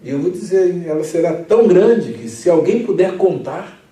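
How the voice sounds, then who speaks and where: A pastor teaches a Bible study in a mellow, darker voice. He explains patiently and slows right down to read scripture with emphasis. He sounds a little far from the mic, in an echoey room. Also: high voice, animated. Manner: explains patiently, reads scripture slowly and emphatically, chuckles often.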